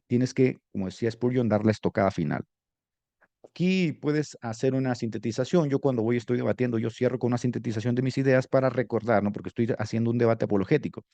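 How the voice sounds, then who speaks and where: A man teaching rhetoric to a class, animated and asking students questions. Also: medium pitch, gravelly, dry recording. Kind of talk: classroom lecture.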